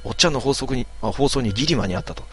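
A man's voice: mid-range voice, expressive, racing. A man in his twenties hosting a late-night stream, reading viewer comments aloud and muttering casual, offhand reactions. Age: 20s.

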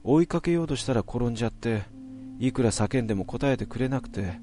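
A man voicing a frightened young schoolgirl, tearful and rushing through her words in a shaky, pleading way. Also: medium pitch, expressive, background noise, voice pushed up, lightly acted.

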